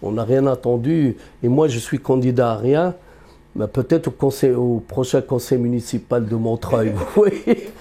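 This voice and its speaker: An economist who grew up in Algeria and has Berber roots speaks in an unscripted interview, earnest yet halting, with frequent fillers and restarts. His voice is medium in pitch and mellow.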